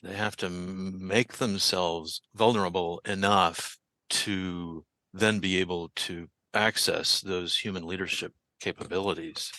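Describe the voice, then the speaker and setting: Low, bright-voiced male podcast host. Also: steady tone, unhurried, dry recording. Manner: thoughtful, reflective remarks with hesitations. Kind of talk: casual interview.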